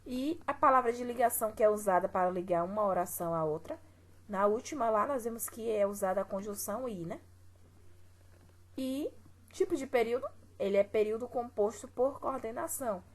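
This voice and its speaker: On the high side and fairly quick, a woman's voice comes through poor audio in what is a recorded classroom lesson. The teacher, who has a Brazilian Portuguese accent, walks students through exercises patiently, one step after another, and peppers them with rhetorical questions.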